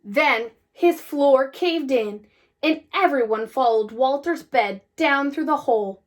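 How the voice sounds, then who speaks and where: A woman with a high, animated voice reads a storybook aloud to children from a script. Her phrasing is deliberate and expressive, with certain words given extra emphasis.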